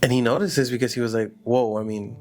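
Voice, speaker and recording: A man's voice: mid-range voice, fairly even intonation, fast, a little mellow. Casual man telling a horror story. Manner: loose and conversational, full of fillers like "you know" and "like".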